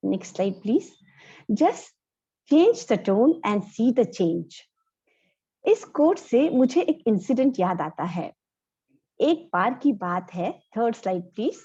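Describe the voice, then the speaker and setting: A woman giving a slow, measured lecture from slides to an online class. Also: medium pitch, darkish tone, husky. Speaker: instructor. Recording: dull lo-fi audio.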